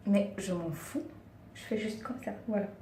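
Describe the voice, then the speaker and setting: A beauty and lifestyle vlogger gives earnest, coaxing advice in a casual video, often calling her viewers "girls" and sometimes searching for words in her second language. Her mid-range voice is dark and moderately paced, recorded on a distant mic with roomy echo and faint hiss.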